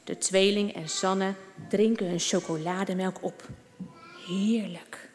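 A woman reading a children's story aloud, slowly and with expression. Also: mid-range voice, fairly even intonation, in a large hall.

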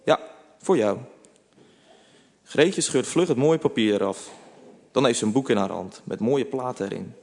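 Calm male storyteller with long reverb. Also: mid-range voice, normal speed, creaky. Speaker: narrator. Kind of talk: children's storybook reading.

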